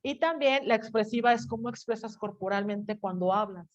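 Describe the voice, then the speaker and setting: A woman teacher, giving a lively classroom lecture and acting out what students might say. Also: on the high side, normal speed. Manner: animated, acts out student quotes. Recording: dull lo-fi classroom recording.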